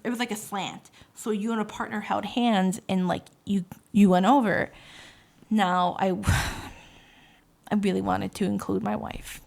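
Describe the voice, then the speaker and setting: A woman co-hosting a podcast, telling a story in casual, animated chat, swearing often and acting out voices when she quotes. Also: medium pitch, vocal fry. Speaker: podcast co-host.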